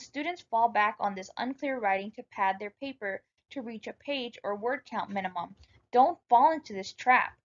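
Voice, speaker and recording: Woman lecturing on writing, explains step by step, kinda muffled recording. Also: a little high. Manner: clear, instructive, addresses students directly. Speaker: writing instructor.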